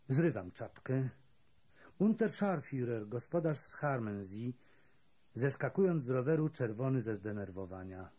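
A man with a husky voice reading literary prose as an audiobook narrator, measured and expressive. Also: mid-range voice. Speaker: audiobook reader.

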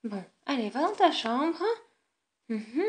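A stern mother scolds her son in a firm toy-film voice, as a woman plays her. The voice is high and clear. She gives orders without backing down. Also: sing-song, takes it slowly, exaggerated voice. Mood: scolding.

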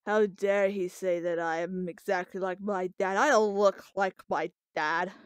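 A woman's voice: mid-range voice, steady tone, a little slow, clean tone, dry recording, clean studio sound, lightly acted. A woman voicing a tipsy, queasy boy who swears and groans defensively in casual voice role-play. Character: tipsy boy with a drunk dad.

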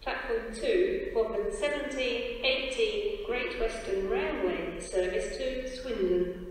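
Woman, spliced together recorded words, unhurried clipped phrasing, booming echo, noisy railway platform. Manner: measured, evenly clipped phrasing. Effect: spliced together prerecorded words. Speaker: automated station announcer. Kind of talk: automated public address announcements. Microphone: heard through station loudspeakers. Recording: echoey station loudspeaker with platform noise. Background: station ambience.

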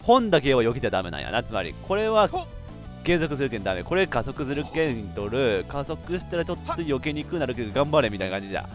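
A man doing excitable let's play commentary, laughing often and yelping when he fails. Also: mid-range voice, fast, music in the background. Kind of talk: game commentary.

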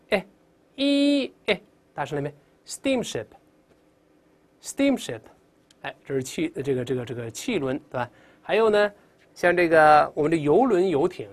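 A male English teacher giving a vocabulary lesson, calling out drill words and coaching pronunciation. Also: on the high side.

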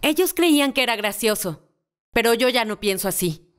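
A woman's voice: on the high side, lively intonation, normal speed, natural voice. A woman dubbing an exasperated wife in her forties on a reality show, weary and complaining, in Spanish-dub style. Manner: weary, fed-up complaining that builds to an angry confrontation. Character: exasperated wife, tired of a stingy husband.

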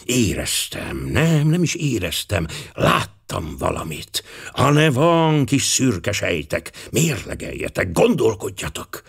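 A man's voice: on the low side, big pitch swings, creaky, breathy edge, full character voice. A man voicing a fussy, vain older male Belgian detective who talks pompously and drops French words. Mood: musing.

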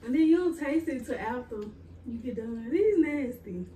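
A woman's voice: sits high, moderate pace, warm tone. Young American woman vlogging, roomy distant sound. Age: young adult. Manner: informal, slangy, blunt. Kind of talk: casual chat, food tasting vlog. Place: small bedroom, seated at table. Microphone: camera a few feet away. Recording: roomy, distant mic, faint noise.

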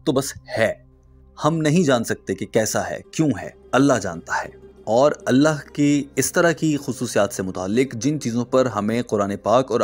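A man reading a scripted narration in a measured, explanatory way, posing rhetorical questions. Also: mid-range voice.

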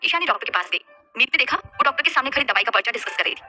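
A woman narrating a romance story in a lively, expressive scripted reading. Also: high voice, racing, over music.

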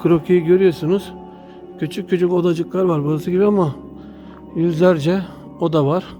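Male vlog host, mellow timbre, slightly high voice, informal guided-walk delivery to his viewers. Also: fairly even intonation, normal speed. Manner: addresses viewers as friends while describing surroundings. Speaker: travel vlogger. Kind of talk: casual narrated walking tour. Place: inside an underground salt cave. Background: music.

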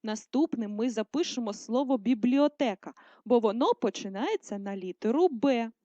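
A woman teacher giving a video lesson to first graders, speaking slowly and carefully and drawing out words to stress them. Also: on the high side, lively intonation, warm tone, no room sound. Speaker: primary school teacher. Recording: dull lo-fi sound.

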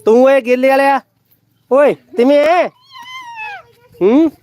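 A woman's voice: high voice, takes it slowly, background noise. A woman live-streaming outdoors on her phone, teasing children and calling out repeated commands at a village celebration. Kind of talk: casual live-stream commentary.

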